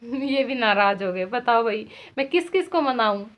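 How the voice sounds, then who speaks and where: A woman's voice: a little high, expressive, normal speed. A woman vlogging from her village home, chatting casually with her viewers and laughing often. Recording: dull lo-fi sound.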